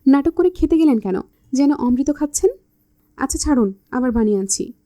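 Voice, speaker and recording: A woman voicing a feisty, shy young woman who is quick to anger, scolding and indignant. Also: sits high, expressive, mellow.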